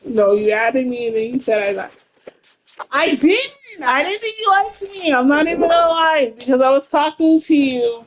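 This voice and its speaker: A woman's voice: sits high, sing-song, normal speed, a little hiss or hum, rough recording. A woman in her late thirties, a game streamer chatting casually with her live chat, blunt and laughing often, with plenty of swearing. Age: 30s.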